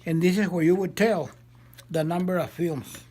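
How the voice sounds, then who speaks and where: A man's voice: high-pitched, normal speed, dark tone. An older man casually explaining how something works, in repetitive, folksy phrasing. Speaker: grandfather showing his old cameras.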